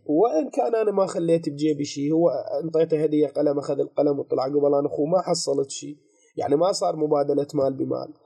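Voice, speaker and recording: Husky, very dark-voiced Iraqi man teaching. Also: on the high side. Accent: Iraqi Arabic. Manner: explanatory, poses rhetorical questions and repeats key phrases; reads quoted text slowly and deliberately. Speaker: religious law teacher. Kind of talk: seminary lesson explaining a legal text.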